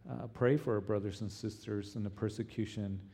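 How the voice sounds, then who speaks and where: A man talking informally to a congregation as their pastor, in a halting, conversational way. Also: fairly low pitch, fairly even intonation, warm tone, husky.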